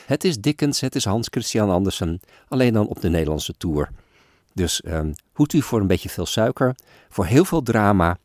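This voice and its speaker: A man giving a solemn, expressive recitation of an old-fashioned story poem. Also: on the low side, normal speed, no room sound, clean studio sound. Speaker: reader. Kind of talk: dramatic poetry recitation.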